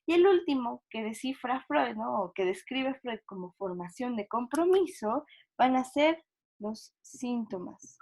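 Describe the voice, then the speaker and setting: Woman lecturing psych class, bit high voice, keeps asking "right?" and acting out little voices. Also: lively intonation, a little slow, darkish tone. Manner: explanatory, acts out quoted inner voices, frequent tag questions. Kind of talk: university lecture.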